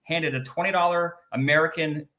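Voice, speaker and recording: A man's voice: fairly high pitch, steady tone, brisk, sharp tone. A man from Canada with a Canadian accent, a sports researcher chatting enthusiastically on a betting panel. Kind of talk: casual panel chat.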